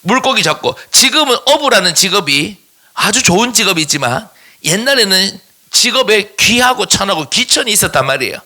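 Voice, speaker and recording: A man with a Daegu accent preaching a sermon to teenagers as a youth pastor, animated and teasing, and pausing to tell them what to write down. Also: high voice. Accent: Daegu Korean. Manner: animated and teasing, jokes with the young listeners; gives note-taking instructions in a classroom way.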